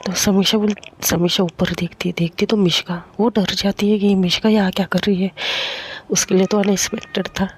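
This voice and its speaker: A woman telling a love story in a casual, chatty way, recounting events quickly with asides. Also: mid-range voice, little pitch movement, slightly rough.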